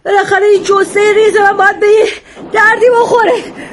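A man voicing a small, anxious young male radio operator in a dramatized war story, in a strained, tearful falsetto. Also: level tone, a bit bright, slight background noise. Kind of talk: dramatized audiobook reading.

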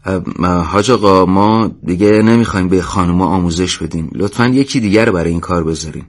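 Male narrator as bashful young man, hesitant, low-voiced. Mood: embarrassed. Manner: hesitant, quiet. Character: shy young male volunteer, embarrassed.

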